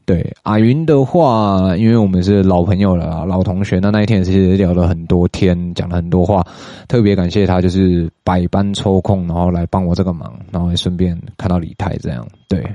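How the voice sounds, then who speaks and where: Young taiwanese guy rambling on his podcast, deep mellow voice, close dry mic. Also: a little fast, hardly any pauses, dry recording, dull audio. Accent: Taiwanese Mandarin. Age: young adult. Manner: chatty, animated when retelling, mixes in English words and Taiwanese swearing. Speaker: podcast host. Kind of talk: casual solo podcast storytelling.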